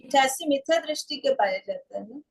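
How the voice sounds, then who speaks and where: A woman's voice: high-pitched, lively intonation, a little fast, slightly rough. A woman student reciting answers carefully to her teacher.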